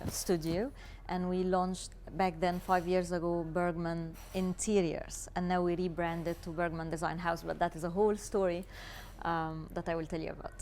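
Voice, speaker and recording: A woman's voice: lowish voice, a little mellow, a little hiss or hum. Egyptian-born woman, candid and laughing. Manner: candid, self-deprecating, laughs easily. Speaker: interior designer, guest. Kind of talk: casual interview talk.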